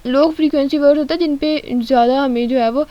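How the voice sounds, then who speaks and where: A woman tutor giving an exam-prep lecture. She explains step by step, often checks in with the listener, and reads out definitions slowly. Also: sits high, fairly even intonation, lo-fi sound. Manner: explains step by step with frequent "ठीक है" check-ins. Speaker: study tutor.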